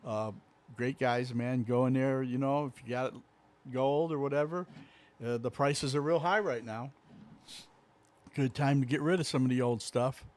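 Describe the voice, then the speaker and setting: A middle-aged man co-hosts a casual local talk show. He rambles along in an easygoing way, filling the gaps with lots of "uh" and "you know". His voice sits at an ordinary middle pitch. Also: normal speed, a little mellow. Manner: rambling, easygoing, many fillers. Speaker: co-host. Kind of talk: casual chat.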